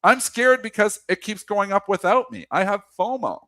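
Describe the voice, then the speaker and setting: A man talking markets with loud, emphatic passion. His pitch sits a bit high and swings widely as he repeats each point for emphasis. The sound is close and dry. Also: animated, moderate pace, dry recording. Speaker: co-host of a market show. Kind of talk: casual market talk.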